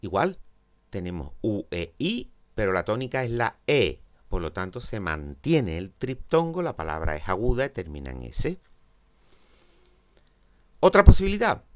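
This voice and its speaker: Spanish teacher from Spain, lively and unhurried. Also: male voice, medium pitch. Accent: Peninsular Spanish. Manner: explains step by step, checks in with "¿vale?". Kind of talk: grammar lesson.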